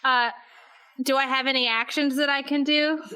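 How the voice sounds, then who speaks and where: Bright high-voiced woman player. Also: steady tone, moderate pace, soft background music. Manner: chatty, unsure, asks rules questions. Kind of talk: casual tabletop play.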